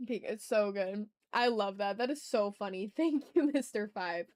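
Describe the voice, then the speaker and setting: Her voice is medium-pitched and a little mellow, moving at a moderate pace. As she draws on a casual livestream, she thinks out loud and chats with viewers in effusive, slang-filled, informal speech.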